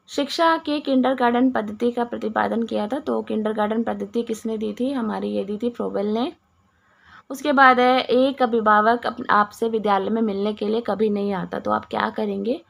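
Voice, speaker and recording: Hoarse woman teaching with a cough. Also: medium pitch. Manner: explains each answer with many restarts, mixes English words. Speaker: teacher going through exam questions. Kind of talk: Hindi exam-prep lesson.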